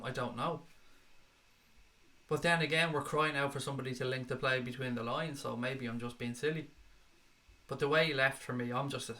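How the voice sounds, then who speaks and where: An Irish man with a bright, forward voice talks through viewer comments in a loose, unscripted way. He is blunt and swears casually, keeping a friendly back-and-forth with his chat. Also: medium pitch. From Ireland. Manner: blunt, swears freely, chatty replies to comments. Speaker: livestream host reading chat.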